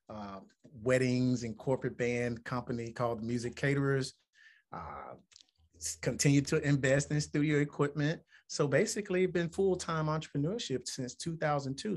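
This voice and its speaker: Musician guest, man, 40s, from Alabama, earnest and reflective, mid-range voice. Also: medium pitch. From Alabama, United States. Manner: earnest, reflective, building to emphatic points. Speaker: musician and motivational speaker. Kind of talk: interview conversation.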